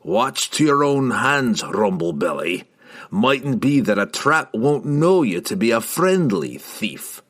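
A man voicing a gruff, stern dwarf in an audiobook, grumbling and sarcastic, with old-fashioned dialect speech. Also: lowish voice, big pitch swings, a little slow, fairly bright tone, exaggerated voice. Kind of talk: audiobook character voice.

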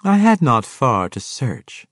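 A man's voice: medium pitch, big pitch swings, slow pace, fairly bright tone, dry recording, studio quality, voice pushed up. A man voicing a cool, formal female dragon in the guise of an elf.

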